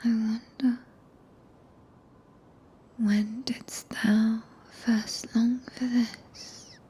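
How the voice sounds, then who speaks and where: Close to a binaural microphone, a British-accented woman whispers breathily as a tender, possessive, regal witch in an ASMR roleplay, using archaic English in a soothing yet commanding, teasing and intimate way. Her voice is on the high side but dark in tone, with level delivery and drawn-out words, over slight background noise.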